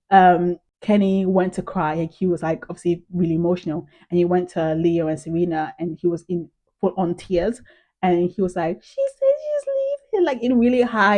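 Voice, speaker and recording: A woman's voice: fairly low pitch, little pitch movement, brisk, warm tone. A young British woman chatting casually to camera as a vlogger, gushing and full of "like" and "um". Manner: chatty, gushing, heavy use of "like" and "um".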